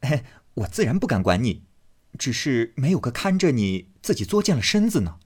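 A man's voice: mid-range voice, very animated, moderate pace, husky, voice pushed up. A man voicing a coaxing, teasing young nobleman in a storybook reading, pleading and placating.

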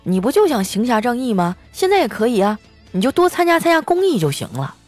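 A woman's voice: medium pitch, sing-song, fairly quick, a little mellow, faint music behind. A woman voicing her joking, mocking older brother. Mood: teasing. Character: teasing older brother, playful.

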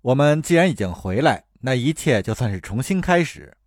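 A man voices a humble young suitor in a historical audio drama, courteous and sincere. His mid-pitched voice moves through a lively range. Faint music runs under the scene. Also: moderate pace, no room sound, studio quality, lightly acted. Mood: hearty. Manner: courteous, warm-hearted.

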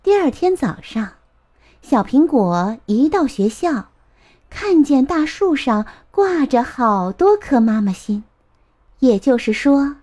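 A woman narrating a children's storybook in a gentle, expressive way. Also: sits high.

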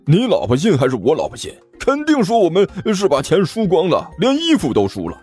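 A man voicing a bruised, grumpy older brother who scolds and stammers, with soft music behind. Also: a little high, wildly swooping pitch, fairly quick, slightly rough, pitched above the performer's own voice, full character voice. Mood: scolding. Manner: scolding, exasperated, stammering when flustered.

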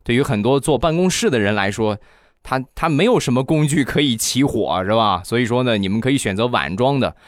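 A man's voice: medium pitch, fairly quick, no room sound, studio quality. A young man hosting a comedy program, telling funny anecdotes and acting out the voices of the people in them. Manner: lively, acts out quoted voices. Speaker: comedy podcast host. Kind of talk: storytelling jokes.

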